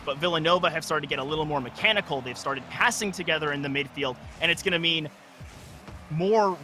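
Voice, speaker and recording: A young man giving energetic, analytical live commentary on an esports match. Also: on the high side, a little fast, faint music behind. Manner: energetic analytical play-by-play, frequent restarts.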